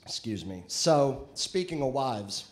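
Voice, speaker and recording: A man's voice: mid-range voice, big pitch swings, takes it slowly. A male stand-up comedian performing a conversational set with crude punchlines on a comedy club stage, into a handheld mic.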